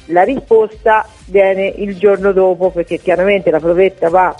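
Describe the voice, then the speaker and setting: A woman calling in to a radio interview on a poor-quality phone line while on duty, talking haltingly with many fillers and restarts. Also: medium pitch, little pitch movement, faint music behind. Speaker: volunteer association head, phone-in guest.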